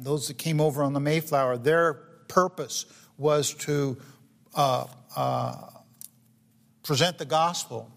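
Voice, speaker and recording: Earnest preacher in a reverberant hall. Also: male voice, fairly high pitch, a bit bright. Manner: earnest, frequent fillers and restarts, asks the congregation questions. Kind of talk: sermon.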